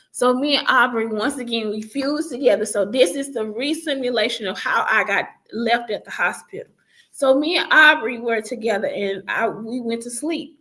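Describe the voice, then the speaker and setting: A woman's voice: a little high, a bit bright. Rambling woman telling her story. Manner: rambling, with many fillers and self-corrections. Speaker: vlogger recounting her life story. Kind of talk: casual first-person storytelling.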